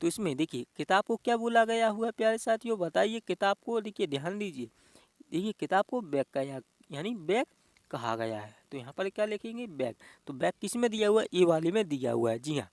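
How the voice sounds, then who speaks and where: A man with a high-pitched voice walks students through an exam-prep reasoning lesson. He talks in a coaxing, repetitive way and keeps checking that the viewers follow along. The sound is dry and close. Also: lively intonation, brisk, dry recording. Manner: repetitive, coaxing, addresses viewers as dear friends. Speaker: teacher.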